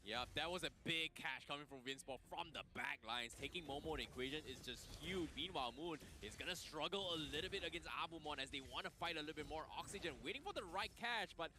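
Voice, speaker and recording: A male esports caster with a fairly high, bright and forceful voice gives live match analysis and commentary. There is faint noise behind him. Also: fast, hardly any pauses. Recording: clear background noise.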